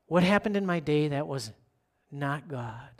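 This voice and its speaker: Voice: mid-range voice, animated, a little slow. A pastor giving a sermon in a conversational way, often asking the listeners questions and checking in with "right?".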